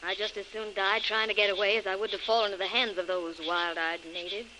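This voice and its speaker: Actress as a determined old-radio heroine, bright steady voice. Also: female voice, mid-range voice, brisk, a little hiss or hum, natural voice, poor audio. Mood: grim. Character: plucky young woman facing danger. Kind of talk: 1930s radio drama acting.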